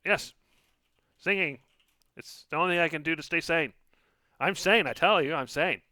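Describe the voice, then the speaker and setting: Man putting on a tiny, frantic trapped creature, high-pitched. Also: moderate pace, sharp tone, dry recording, clean studio sound. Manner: jittery, hesitant, repeats itself. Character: tiny frantic captive being trapped inside a glass lily.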